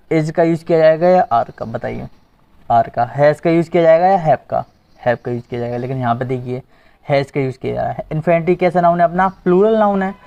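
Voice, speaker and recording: A slightly high, creaky-voiced man teaches an exam-prep grammar class, questioning the students and repeating their replies. It is captured on a dull lo-fi recording.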